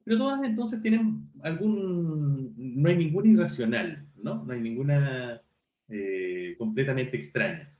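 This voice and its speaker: Speaking in an animated, unhurried mid-range voice, a male university teacher holds a class on a video call. He keeps asking students questions to check they follow, and the audio comes through roomy, dull, and lo-fi.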